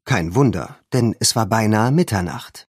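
A man reading a children's adventure story aloud as narrator, calm and expressive. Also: on the low side, normal speed, husky, no room sound.

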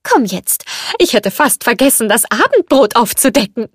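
A woman voicing a kind, motherly teapot in a storybook reading, gentle and fussing. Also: a little high, big pitch swings, moderate pace, slightly rough, dry recording, studio quality.

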